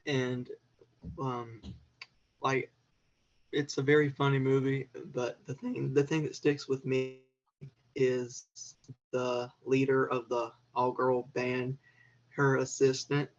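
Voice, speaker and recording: A man speaking as a podcast guest in a casual film chat, relaxed and measured, pausing between phrases. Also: mid-range voice. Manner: relaxed, measured, with pauses and fillers. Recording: dull lo-fi sound.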